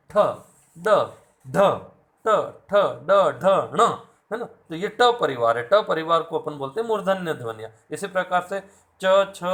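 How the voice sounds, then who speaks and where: A man teaching a classroom lecture speaks in a high-pitched, slightly bright voice. He patiently spells out sounds and asks his students questions.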